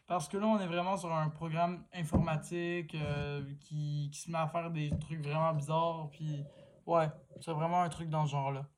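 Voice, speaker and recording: Man, fairly high voice, eager and rambling casual movie review. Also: slight background noise. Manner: enthusiastic, rambling, restarts sentences. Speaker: film reviewer. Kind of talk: casual film review monologue.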